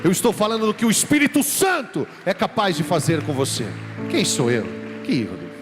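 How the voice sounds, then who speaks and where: Male preacher, São Paulo accent, fairly high voice, animated testimony style, climbing to emphatic peaks. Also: fairly quick. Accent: São Paulo Brazilian Portuguese. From Brazil. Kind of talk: sermon with personal testimony. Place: large church sanctuary. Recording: long hall reverb with music behind.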